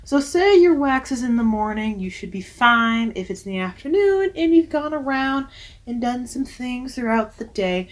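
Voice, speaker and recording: A woman's voice: a little high, lively intonation, moderate pace. A young woman who works as a waxer, giving casual, emphatic advice with jokey asides in a vlog.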